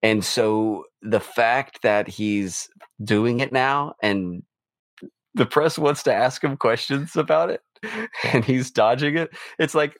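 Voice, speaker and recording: A man's voice: medium pitch, slow pace, dry recording. A middle-aged man co-hosting a casual sports podcast, often restarting his sentences and laughing playfully. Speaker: podcast co-host.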